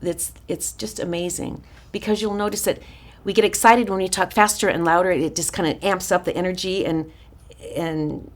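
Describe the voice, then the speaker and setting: A woman with a raspy voice teaching a counseling workshop in a chatty, informal way, often restarting her sentences. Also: lowish voice, fairly even intonation, normal speed. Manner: chatty, warm-hearted asides with frequent restarts and fillers. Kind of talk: informal teaching talk to a small group.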